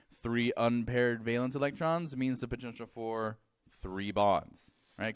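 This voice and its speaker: A man teaching chemistry in a classroom, joking with students and counting aloud as he draws. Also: mid-range voice. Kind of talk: classroom lecture.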